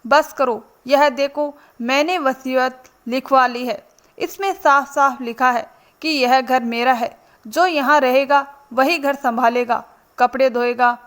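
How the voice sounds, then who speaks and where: A woman's voice: high voice, steady tone, slow pace, fairly bright tone. A woman voicing a stern, scolding older mother-in-law in a spoken storybook. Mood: firm. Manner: scolding, commanding.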